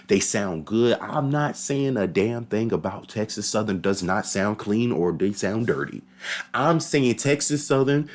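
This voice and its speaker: A man giving casual, animated reaction commentary on a marching band battle, talking slangy and straight to his viewers. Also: on the low side.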